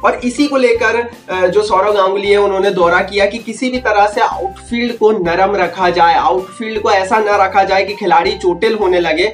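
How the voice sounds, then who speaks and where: A man's voice: sits high, fairly even intonation, normal speed, few pauses, faint music behind. A young man talking energetically to the camera in a cricket news vlog, calling his viewers friends and waving his hands as he talks. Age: young adult. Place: indoor room, seated before a wooden wall.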